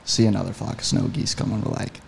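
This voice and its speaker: Guesting on a podcast, a hunting guide eagerly retells a story, casual and lively. He speaks quickly in a lowish, gravelly voice over faint background noise.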